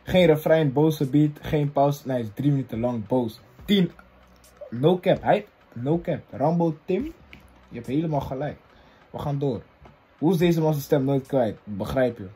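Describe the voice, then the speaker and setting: Husky, mellow-voiced young guy reacting. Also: a little high, moderate pace. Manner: excitable, slang-heavy, swings from loud to mumbled. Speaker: reaction video host. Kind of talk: casual reaction commentary.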